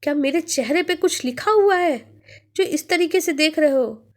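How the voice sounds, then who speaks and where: A woman's voice: moderate pace, close to an everyday voice. A woman doing a terrified young tenant. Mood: annoyed. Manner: panicked pleading, voice rising high. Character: frightened young man renting a haunted house.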